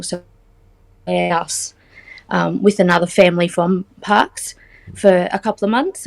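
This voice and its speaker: An Australian woman in her forties, chatting as a guest in a casual interview, filling pauses with ums and teasing lightly. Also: fairly low pitch, creaky. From Australia, Central West New South Wales. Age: 40s.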